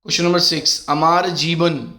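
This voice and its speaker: A middle-aged man keeps a steady tone while teaching an exam-prep class in Hindi and English. He has a sore throat and a voice slightly higher than the typical man's. He reads every question slowly and calls his students beta with warmth.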